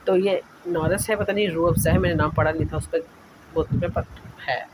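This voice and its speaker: A young man talks through his home vlog in a casual, rambling voice-over, correcting himself as he goes. His voice sits a little higher than most men's. A clear hiss of noise runs under the recording. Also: steady tone, a little fast. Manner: chatty, rambling, self-correcting. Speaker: vlogger.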